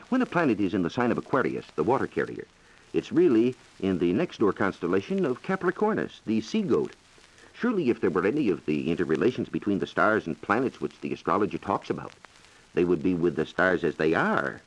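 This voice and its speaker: A low-pitched male science reporter responds to listener questions on a 1940s radio program, reading a scripted explanation. He is formal, precise and authoritative. The vintage broadcast recording is rough.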